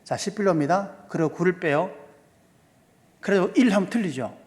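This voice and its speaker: A man's voice: sits high, lively intonation, normal speed, a little mellow. A male pastor giving a seminar sermon, asking the congregation questions and walking through sums step by step. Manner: asks the congregation many questions. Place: church sanctuary. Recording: long hall reverb.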